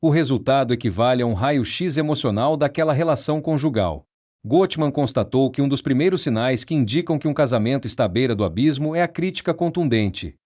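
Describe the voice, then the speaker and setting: A man reading a nonfiction book aloud in a measured, steady, explanatory way. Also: mid-range voice. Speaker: audiobook narrator.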